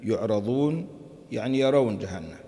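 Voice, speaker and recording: Low mellow man teaching Quran commentary. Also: lively intonation. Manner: reads verses slowly, then explains in a mix of formal and colloquial Arabic. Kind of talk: verse-by-verse Quran commentary lesson. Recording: long hall reverb.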